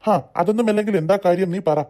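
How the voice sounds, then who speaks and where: A man's voice: high voice, dark tone, lightly acted. A man voicing a teasing, stingy father and husband in a cartoon. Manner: teasing, brisk.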